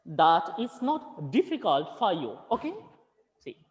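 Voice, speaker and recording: A male teacher, leading an online class, slowly repeating questions and calling on students by name. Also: on the high side, very animated, long reverb tail. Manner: slow, repeats questions and calls on students patiently.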